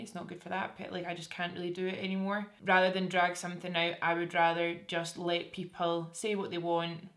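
Filming a relaxed makeup video in a small room with a curtain backdrop, a young Scottish beauty YouTuber speaks candidly and casually in a broad accent. Her voice sits on the low side yet sounds fairly bright.

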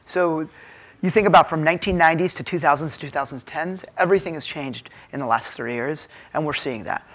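A thirty-something American tech executive gives a loose, informal keynote from a hotel ballroom stage indoors, using a lapel mic. He pauses and hesitates a lot, filling gaps with fillers, in a voice on the high side with a fairly bright tone.

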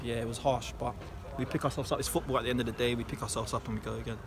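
Outdoors after a night match, a young adult footballer with an English accent answers questions quickly and casually, full of fillers. His medium-pitched voice is creaky, with fairly even intonation.

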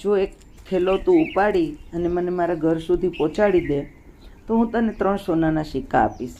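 A woman voicing a kindly, trusting old man who talks gently, in a muffled lo-fi recording. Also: fairly low pitch, normal speed, lightly acted. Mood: pleading.

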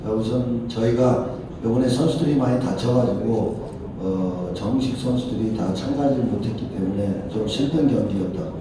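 A man, a team coach giving a plain, measured post-match speech with pauses. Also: medium pitch, far from the mic, background noise. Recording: echoey hall from afar, crowd.

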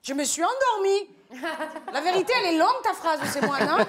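A loud flirty tunisian auntie, really high voice, gossipy and rambling, studio crowd laughing behind. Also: female voice, expressive, a little fast. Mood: flirty gossip. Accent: Tunisian French. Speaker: comic guest. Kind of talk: TV comedy sketch character.

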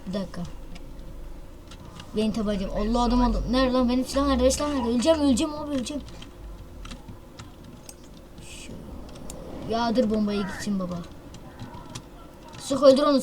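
A woman hosting a gaming channel, giving excitable, slangy live commentary on a mobile shooter with loud outbursts and self-mocking banter. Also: on the high side, brisk, pauses often, background noise.

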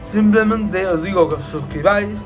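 Talking into his laptop webcam from a small room, a man with a high-sitting voice responds to questions from followers at a normal speed over soft background music. The vlog is casual, chatty and repetitive, with plenty of hand gestures.

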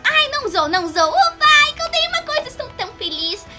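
Pinkie Pie, a woman squeaking as a bubbly pony. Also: big pitch swings, fast talker. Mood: excitable. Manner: squealy, exclamatory, giggly. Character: bubbly, excitable young female cartoon pony. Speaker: gaming youtuber. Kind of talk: gameplay commentary in character. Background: game music playing clearly.

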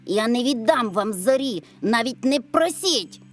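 A small, mischievous storybook imp who taunts and refuses to give back what he stole, as a woman puts him on. His voice sits a little high and swings lively, with quiet music underneath. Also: a little slow. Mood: cheeky defiant. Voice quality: taunting, cheeky.

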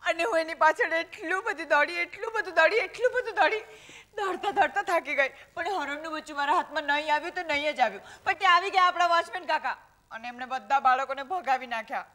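A woman's voice: very high-pitched, quick pace, bright, forceful tone. An actress playing a cheerful, innocent young woman patient in a stage play, chatty and wide-eyed. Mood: excited. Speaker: patient in a hospital.

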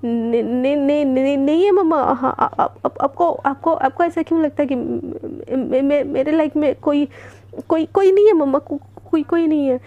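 A woman's voice: sits high, fairly even intonation, a little fast, hardly any pauses, no room sound, phone-quality sound, close to an everyday voice. A woman voicing a nervous young woman who stammers and repeats words under her mother's questions. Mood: flustered.

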